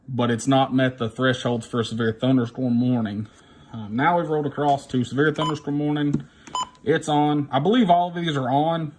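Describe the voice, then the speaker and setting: A man with a medium-pitched voice gives an informal hands-on tutorial, demonstrating a device and talking through the steps. He's unscripted, thinking aloud as he presses buttons, and the noisy recording is full of device clicks and beeps.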